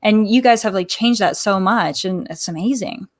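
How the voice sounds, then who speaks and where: A woman's voice: mid-range voice, moderate pace, dry recording, studio quality. A woman interviewer chatting casually and informally, with plenty of filler "like". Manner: informal, uses "like" often.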